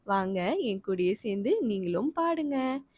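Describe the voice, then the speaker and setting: A woman's voice: mid-range voice, big pitch swings, unhurried, a little mellow, dry recording, clean studio sound. A woman with a Tamil Nadu accent who teaches a textbook lesson to young children online, asking them questions and then answering them herself.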